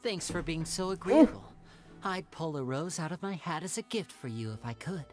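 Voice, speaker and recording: An actor voicing a charming young male stage magician in a video game, smooth and theatrical. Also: a little high, sing-song, moderate pace, a little mellow, faint music behind. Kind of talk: game voice acting.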